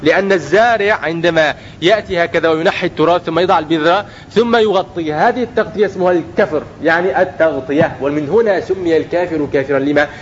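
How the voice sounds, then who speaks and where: A man's voice: fairly high pitch, fast, muffled recording, a little hiss or hum. A man preaching a religious lesson to young people, often asking questions and answering them himself. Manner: acts out everyday speech in quotes.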